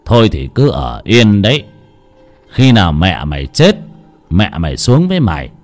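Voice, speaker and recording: A man playing an old exorcist master who speaks slowly and wearily, with a sigh in his voice. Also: low voice, huge pitch swings, soft background music. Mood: weary. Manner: slow, sighing. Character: old male exorcist, calm and weary.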